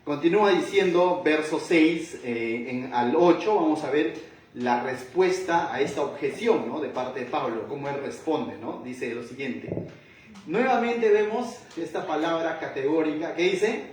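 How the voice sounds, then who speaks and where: Pastor guy preaching verse by verse, lively and asking questions, sounds far from the mic, faint noise behind. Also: a little high. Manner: animated, rhetorical questions, slows down to stress verses. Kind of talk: verse-by-verse Bible teaching. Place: church hall. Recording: echoey room, voice from a distance.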